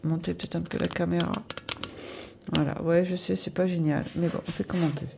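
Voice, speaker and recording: A budget vlogger in her fifties gives a casual budget review to camera in a very noisy recording. Her lowish, gravelly voice is nasal from air conditioning and shows little pitch movement. She talks fairly quickly in a chatty, hesitant way, full of fillers, thinking aloud as she adds up sums.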